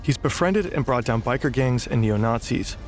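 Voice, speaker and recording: A man's voice: medium pitch, animated, slight background noise. Man narrating a dramatic documentary. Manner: dramatic, measured delivery.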